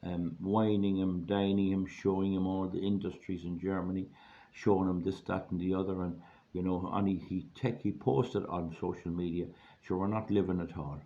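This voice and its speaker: A hoarse Irish man giving an informal, rambling monologue in a plain-spoken, folksy way, repeating phrases for emphasis. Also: low-pitched, flat delivery, normal speed, mellow. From Ireland. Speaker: online video host giving money advice. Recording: dull lo-fi audio, faint background noise.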